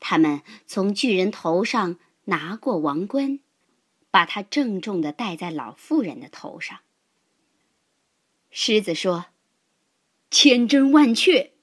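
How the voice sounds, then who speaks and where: A woman narrating a children's fable in an expressive, unhurried storytelling voice. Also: on the low side, breathy edge.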